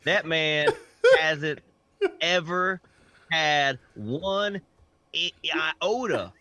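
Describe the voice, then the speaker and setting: A man co-hosts a sports talk show in an unhurried, deliberate way. His voice is bright and sharp, and he lands dry, mocking lines with emphasis. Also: on the high side, no echo. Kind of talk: casual sports radio chat.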